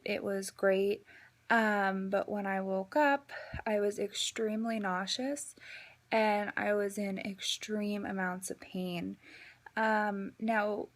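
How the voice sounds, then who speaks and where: A woman giving a casual personal update, speaking in a halting way with drawn-out pauses. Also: medium pitch, gravelly. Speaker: vlogger giving a health update.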